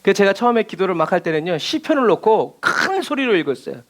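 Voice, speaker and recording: Korean pastor guy preaching at friday prayer, high voice, big swings up and down. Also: fast talker. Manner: animated, emphatic, rhetorical questions. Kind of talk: sermon. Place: church.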